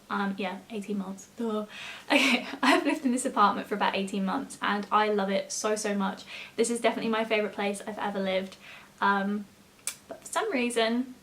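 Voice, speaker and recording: A young adult woman, telling a story in a casual, rambling, informal vlog style with frequent asides. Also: on the high side. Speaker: YouTuber.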